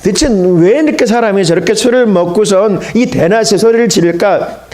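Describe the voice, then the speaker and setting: High-voiced storytelling man pastor. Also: normal speed, darkish tone. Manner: colloquial storytelling, addresses congregation. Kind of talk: sermon.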